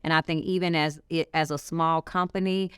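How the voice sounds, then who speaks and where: A woman's voice: low voice, steady tone, a bit bright, clean tone, no echo, studio quality. A woman co-founder talking emphatically in an interview, stressing her company's standards. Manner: emphatic, rapid, insistent on values. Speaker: small business co-founder. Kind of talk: conversational interview.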